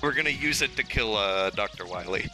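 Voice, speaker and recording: A man's voice: fairly low pitch, expressive, a little fast. A man making casual, joking remarks as co-host of a let's play. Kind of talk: casual, joking game commentary. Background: video game music.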